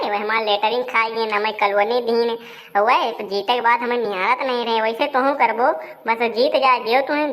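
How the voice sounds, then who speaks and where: Woman as a sarcastic moneylender man, fairly high voice, comedy sketch. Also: a bit bright, close to an everyday voice. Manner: gruff, bargaining, sarcastic. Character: brusque male village moneylender, impatient.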